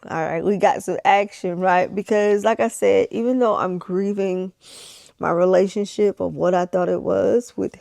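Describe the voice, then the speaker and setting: A woman talks casually and openly, as if confiding in her vlog viewers. Her voice has a noticeable creak and a slightly toothless softness to the consonants. She repeats phrases for emphasis, and the recording is dry with very little room sound. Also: mid-range voice, fairly even intonation, moderate pace, no room sound. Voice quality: missing-teeth, slightly slushy toothless articulation. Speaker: vlogger. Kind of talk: casual confessional vlog chat. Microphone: small handheld vlogging camera.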